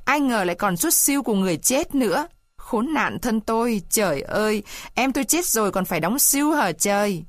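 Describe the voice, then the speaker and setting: A woman's voice: a little high, lively intonation, normal speed, no room sound, studio quality, lightly acted. A woman voicing a poor peasant wife who pleads and weeps, in a storybook reading. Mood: tearful. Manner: pleading, weeping.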